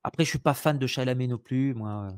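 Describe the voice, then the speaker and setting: A man's voice: medium pitch, brisk, clean tone. A man with a French accent chatting casually about films on a podcast, full of hesitations and restarts. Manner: animated, many hesitations and restarts. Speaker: podcast host.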